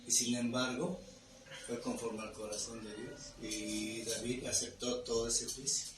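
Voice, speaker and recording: A man's voice: medium pitch, level tone, measured pace, over music. Man commenting from across an echoey room. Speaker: class participant. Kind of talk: comments in a Bible study. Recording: distant mic in an echoey room with noise.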